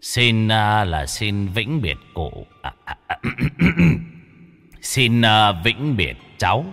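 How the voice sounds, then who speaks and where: Guy doing an older neighborhood head giving a clumsy funeral speech, low voice, lots of um and ah. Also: big pitch swings, very slow, vocal fry, a bit bright, long reverb tail, faint music behind, exaggerated voice. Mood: solemn. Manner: solemn, fumbling with hesitant fillers.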